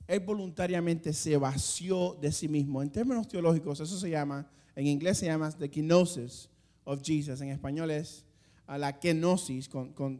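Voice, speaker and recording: A man preaching a sermon, emphatic, with dramatic pauses and rising lines, stumbling a little when he speaks off the cuff. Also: high-pitched, a little mellow. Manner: some restarts and stammering when speaking off the cuff. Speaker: pastor.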